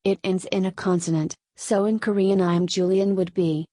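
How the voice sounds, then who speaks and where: A Spanish woman, a native Spanish speaker, explaining Korean grammar in English with a Spanish accent, in steady step-by-step scripted narration. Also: mid-range voice, moderate pace, no room sound. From Spain. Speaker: Korean language teacher.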